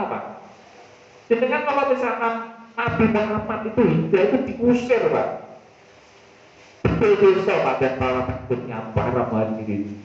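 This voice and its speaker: A man preaches in a fairly high voice, talking to his listeners and repeating his points for emphasis. The sound is dull and muffled and rings heavily around a large echoey hall. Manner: addresses the listener as "Pak", repeats phrases for emphasis. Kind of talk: Islamic study sermon.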